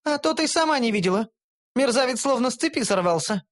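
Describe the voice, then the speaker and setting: A man reading an audiobook voices a sharp-tongued young female elf warrior who talks with scorn and scolds. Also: extremely high pitch, expressive, brisk, voice pushed up. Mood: defensive.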